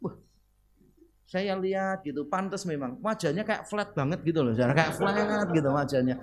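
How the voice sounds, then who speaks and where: A man's voice: fairly high pitch, animated, a little fast. A male pastor preaching a sermon, telling stories with quoted dialogue and laughing, addressing the congregation directly. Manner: addresses listeners as "saudara".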